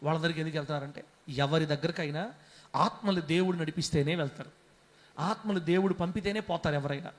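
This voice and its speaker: A man pastor preaching a sermon with passion, swinging between hushed and loud passages and calling on the congregation to answer aloud. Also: fairly high pitch, quick pace. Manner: calls on the congregation to respond aloud.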